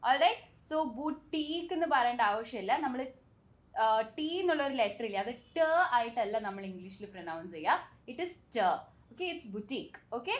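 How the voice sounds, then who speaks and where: Young kerala woman teaching english words, sing-song lively voice, a bit high, says each word slow n careful. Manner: repeats words slowly and carefully to model them. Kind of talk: bilingual language lesson.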